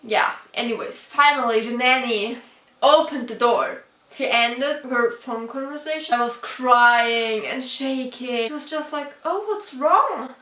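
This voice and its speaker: Casual girl with a high voice doing a storytime vlog, laughs a lot, kinda far from the mic. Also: steady tone, unhurried, bright, forceful tone. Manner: chatty, laughs often between sentences; checks her own pronunciation aloud. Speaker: vlogger. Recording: roomy echo from a distance.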